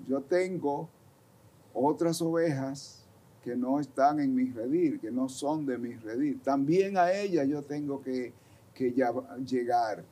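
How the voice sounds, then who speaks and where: Mellow, slow man reflecting on the Gospel. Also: medium pitch. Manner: measured, pausing to find words. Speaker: panelist on a religious TV program.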